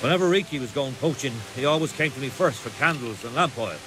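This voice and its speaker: A man's voice: mid-range voice, animated, fast, background noise, natural voice. A man voicing a wary, grudging medieval village tradesman in a video game. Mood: grudging, cooperative.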